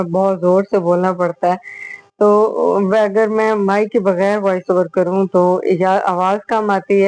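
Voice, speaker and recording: A middle-aged woman chatting through a voice-over for her home vlog, unhurried, with drawn-out fillers between thoughts, recorded close on a small mic. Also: medium pitch, a little mellow, no room sound, low-quality recording. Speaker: vlogger, host. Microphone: voice-over on a small clip-on mic.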